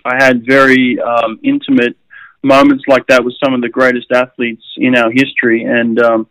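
A middle-aged Australian man, a swimming coach and former swimmer, shares casual, animated anecdotes from his swimming days, often restarting sentences and saying "uh." His medium-pitched voice moves at a normal speed, and the recording is dry and close with no room echo.

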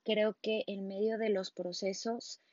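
A woman preaches in an easy, conversational way, often tossing in little tag questions. Her voice sits at an ordinary middle pitch. The recording is dry and a little muffled. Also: level tone, measured pace, a little mellow, no echo. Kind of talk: casual sermon.

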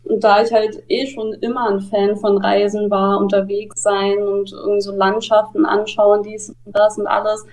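A young woman talks as a podcast guest, her voice flat in melody and set back from the mic. She talks freely, padding sentences with small filler words. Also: medium pitch, moderate pace, far from the mic, rough recording. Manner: flowing, uses filler words, halt, ne. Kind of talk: casual interview answers.

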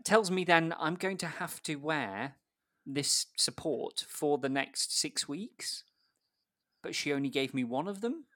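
Here a grown man, appearing as a guest, tells a casual, self-deprecating tale of personal embarrassment, frequently breaking into laughter. He speaks at a measured pace in a high, pushed, bright voice with lively intonation. It's a dry, studio-quality recording.

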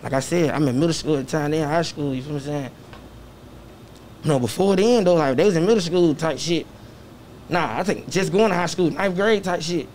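A man's voice: fairly high pitch, a little fast, darkish tone, a little hiss or hum. Rambling man. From Atlanta, Georgia, United States. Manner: rambling, fillers, keeps asking "you feel what I'm saying". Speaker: rapper guest. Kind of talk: casual interview chat.

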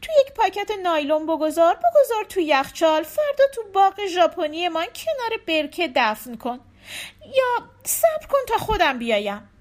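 A woman performs a distraught young wife mourning her stillborn baby, her voice pushed very high above her own natural pitch and extremely animated. Anguished and frantic, she pleads tearfully, rising to cries.

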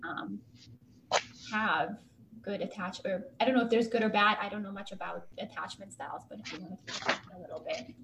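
A woman's voice: mid-range voice, brisk, fairly bright tone. A woman podcast host and coach asking loose, rambling questions, often using "like" and "right?". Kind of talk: casual interview questions.

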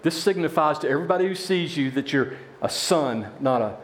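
Man preaching, animated storytelling, somewhat high voice, faint background hiss. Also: a little fast, reverberant. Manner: animated storytelling, acting out the parable's characters. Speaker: pastor. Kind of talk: sermon. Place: church.

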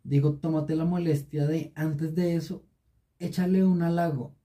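Brief: guy, very dark mellow voice, blunt crude podcast co-host. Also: fairly high pitch, steady tone, unhurried. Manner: crude joking, argumentative, repeats himself. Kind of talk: casual podcast chat.

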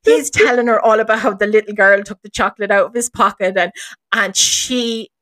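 A woman, a guest paranormal investigator, telling an animated story in a podcast chat and laughing often as she goes. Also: mid-range voice, quick pace, no echo.

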